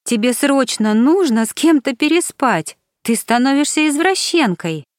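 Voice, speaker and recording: A woman's voice: high voice, lively intonation, measured pace, dry recording, clean studio sound, pitched above the performer's own voice. A woman voicing a teasing, outspoken young woman friend in a storybook reading, in a plain, frank manner.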